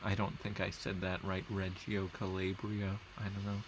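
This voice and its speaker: A man's voice: low-pitched, completely flat delivery, brisk, noisy background. A man casually commentating a strategy game as he plays, rambling and correcting himself while he reads out place names. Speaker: gameplay commentator. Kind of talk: casual let's-play commentary.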